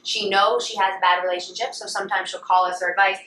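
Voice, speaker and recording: A woman co-hosting a podcast, chatty and animated, telling stories with quoted voices. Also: medium pitch, fast, recorded from a distance, slight background noise. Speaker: podcast co-host. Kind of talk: casual chat. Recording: echoey room, off-mic with faint ambience.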